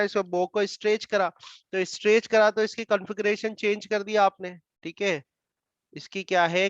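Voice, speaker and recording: A man with an Indian accent teaching physics, explaining slowly and repeating terms, dictating English definitions word by word. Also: high voice, fairly bright tone, no echo. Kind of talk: classroom lecture. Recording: dull muffled dry sound.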